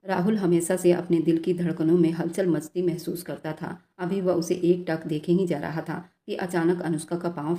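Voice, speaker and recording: A woman narrating a romantic story in a steady, even reading voice. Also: on the low side.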